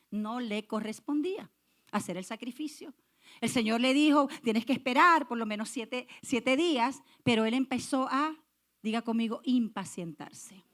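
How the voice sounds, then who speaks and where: A woman pastor preaching a sermon, emphatic, repeating key phrases and speaking straight to the congregation. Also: fairly high pitch. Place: church.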